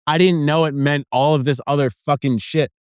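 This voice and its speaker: A man's voice: fairly high pitch, fairly even intonation, normal speed, a little mellow, smooth, dry recording, studio quality. Profane, joking male podcast co-host. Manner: profane, self-deprecating, jokey. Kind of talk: casual chat.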